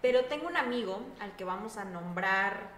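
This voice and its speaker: A young woman with a Mexican accent hosting a casual podcast, reacting loudly and laughing easily. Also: medium pitch, expressive, normal speed, slight background noise. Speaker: podcast host. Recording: echoey room.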